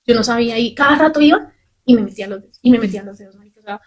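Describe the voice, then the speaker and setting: A young adult woman, a podcast host telling a personal story candidly and with animation. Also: a little high. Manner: candid, fast and animated, swears casually.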